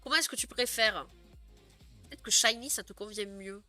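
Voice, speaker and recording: Giggly bright-voiced young woman streamer. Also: mid-range voice, normal speed, faint music behind. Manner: chatty, giggly, many fillers. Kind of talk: casual live stream chat.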